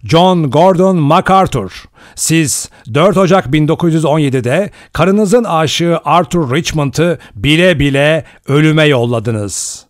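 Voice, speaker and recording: A man reading an audiobook voices a stern recorded male voice, making slow, formal accusations. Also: on the high side, no echo, clean studio sound, pitched above the performer's own voice.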